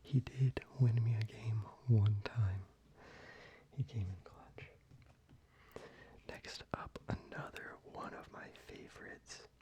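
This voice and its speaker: Whispering softly and close to the mic, an ASMR creator shows off their collection, often pausing, saying "um," and starting over. The voice is mid-range and the pace slow.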